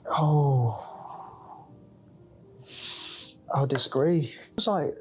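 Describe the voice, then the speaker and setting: A young student from Hong Kong talking casually in a halting way, with many fillers. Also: male voice, mid-range voice, darkish tone, husky, soft background music. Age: young adult. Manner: halting, frequent fillers like "yeah". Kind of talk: casual discussion.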